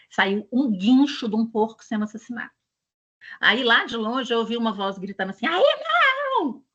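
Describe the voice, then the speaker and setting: A woman's voice: medium pitch, a bit bright, highs cut off. A woman with a Brazilian Portuguese accent, presenting an education channel and talking casually to her audience in a chatty, digressive, storytelling way.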